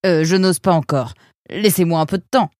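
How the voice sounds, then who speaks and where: A woman's voice: on the low side, moderate pace, dry recording, studio quality, natural voice. A woman voicing an eager young male creature who stammers with many hesitations, in a storybook reading. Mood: eager stammering. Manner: stammering with many "euh", excitable.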